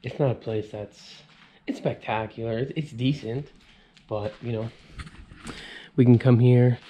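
A man's voice: mid-range voice, steady tone, measured pace, lo-fi sound, a little hiss or hum. A man in his thirties filming a casual walkthrough vlog of an abandoned house, musing aloud to his viewers. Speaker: urban explorer vlogger. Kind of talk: handheld exploration vlog. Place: abandoned fire-damaged house, indoors. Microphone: handheld camera.

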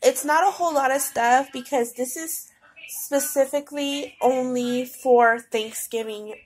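Through a low-quality recording, a woman with a high voice and a stuffed-up nose from a cold speaks a little slowly. She's a vlogger and mother of a daughter, rambling casually with lots of ums through a grocery haul at home, her phone camera aimed at the groceries.

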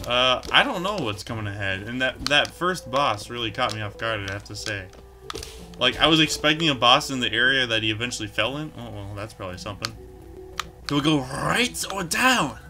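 A man hosting a let's play, cracking goofy, self-mocking jokes as he plays. His pitch swings widely from line to line, picked up close on a desk microphone. Game music runs clearly underneath his voice. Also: expressive, moderate pace. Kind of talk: casual gameplay commentary.

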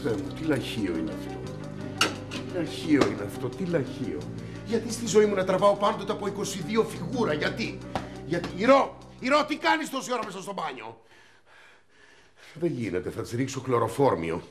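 An exasperated ship captain. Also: male voice, a little high, big pitch swings, over music. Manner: exasperated, pleading, theatrical complaining. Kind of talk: television sitcom acting.

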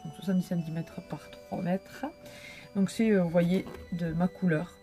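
A woman's voice: fairly low pitch, fairly even intonation, normal speed, dark tone, soft background music. A young woman chatting casually through a shopping haul vlog, with many fillers and restarts. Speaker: vlogger showing shopping haul.

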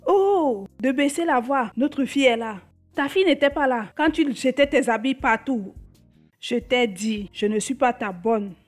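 A woman's voice: high-pitched, expressive, a little slow, soft background music. An actress playing an angry wife who scolds and accuses her husband in a dubbed film. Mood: scolding. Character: furious nagging wife, adult woman, short-tempered.

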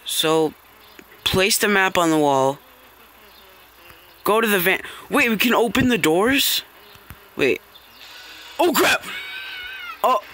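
A man's voice: high-pitched, bright, forceful tone. A man doing casual gameplay commentary as a let's play host, thinking aloud hesitantly.

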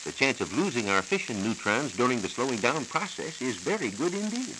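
An American science reporter with a mid-range voice and big swings in pitch reads a script in a measured, formal, teaching manner for a 1940s educational radio show. He's in a radio studio, and the recording survives on a hissy old transcription disc.

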